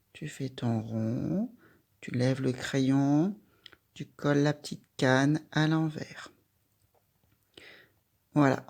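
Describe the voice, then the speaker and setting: A handwriting teacher patiently guides a young child through a lesson one stroke at a time, addressing the child directly with simple instructions. She speaks extremely slowly, leaving plenty of room between steps. Her voice sits low and is darkish, with a noticeable gravelly fry.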